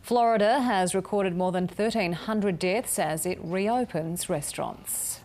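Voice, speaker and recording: A woman presenter reading scripted news headlines in a measured newsreader manner. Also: fairly low pitch, noisy background. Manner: crisp, measured newsreader delivery.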